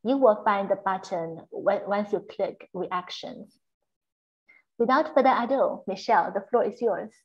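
A woman's voice: medium pitch, measured pace. Woman moderator on dull video-call audio. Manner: polite, formal, reads carefully. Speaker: host and moderator. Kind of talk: formal introduction and housekeeping.

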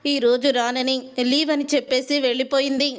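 A woman's voice: high-pitched, little pitch movement, moderate pace, clear, resonant tone, lightly acted. A woman voicing an irritated young receptionist in a spoken story retelling, sounding defensive.

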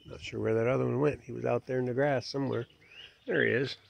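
Holding his phone camera outdoors by a shed, a man narrates his farmyard quickly in a mid-range voice with vocal fry. This homestead vlogger keeps things relaxed and folksy, talking to his animals, all captured in dull lo-fi phone sound.

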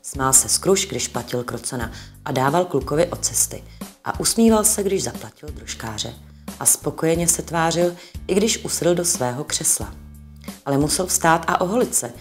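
A woman reads a storybook aloud with calm, even narration. Her voice is low for a woman. Soft music plays faintly underneath.

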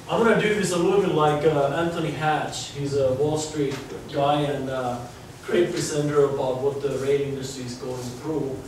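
In a large lecture hall, a man in his forties from Finland delivers a chatty, conversational guest lecture to students, restarting phrases in his Finnish accent. His voice is a little high yet darkish in tone, steady, and at normal speed. A far camera with no visible mic records it, leaving the sound echoey and distant with background noise.

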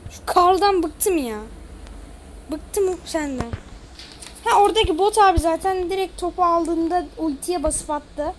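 A woman giving casual gameplay commentary in an excitable, slangy way, loudly scolding her teammates. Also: very high voice, normal speed, few pauses, slight background noise. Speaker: gamer streaming their own play.

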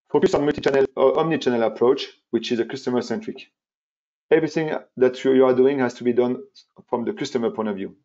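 A man whose first language is French presents a marketing webinar, emphatic and repetitive, full of fillers and restarts. His voice is warm and medium-pitched, heard through dull, muffled webinar audio.

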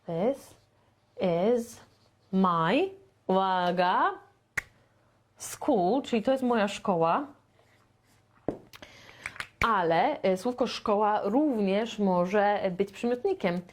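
Woman from poland doing a beginner english lesson, super slow and drawn out, playful and chatty. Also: medium pitch, animated, a little hiss or hum. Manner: slow, deliberate, with very drawn-out model sentences; chatty and playful, with sound effects. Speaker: English teacher.

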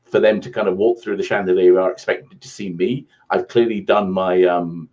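This ad agency founder from England, in his forties, rambles through his career with self-deprecating humor as a guest in a casual interview over video call from home. He speaks briskly in a low, slightly mellow voice with fairly even intonation. His earphone headset cuts off the highs.

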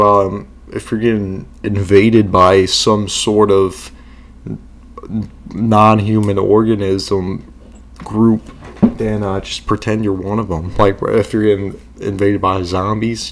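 A man's voice: on the low side, fairly even intonation, measured pace. A man hosting a reaction video, talking casually and rambling with many fillers.

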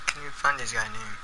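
Laughing young man streaming a game. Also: background noise. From El Salvador. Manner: laughs often, amused and teasing. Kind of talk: casual gaming livestream chat.

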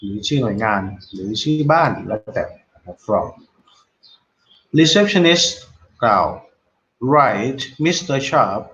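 A man teaching an English lesson online, explaining slowly, repeating words and quizzing students, and reading model phrases aloud in a drawn-out way. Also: fairly low pitch, sing-song, a bit bright, dull audio.

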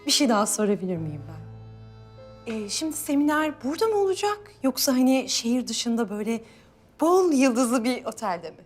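An actress playing a cheeky bank colleague who asks playful questions and hurries a friend along. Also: female voice, on the high side, very animated, breathy edge, faint music behind. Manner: cheeky, then hurried and urgent. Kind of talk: film dialogue.

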